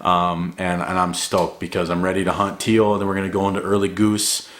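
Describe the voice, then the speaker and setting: A man's voice: sits low, completely flat delivery, a little fast, fairly bright tone. A man giving an informal, encouraging hobby tutorial in a laid-back, conversational way. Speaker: hobby hunter giving a duck calling tutorial. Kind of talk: casual instructional talk.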